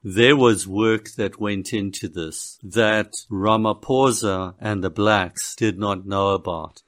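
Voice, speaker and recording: A man's voice: fairly low pitch, steady tone, slow, a bit bright. A man giving a blunt, emphatic commentary monologue on a video. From South Africa. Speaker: political commentator.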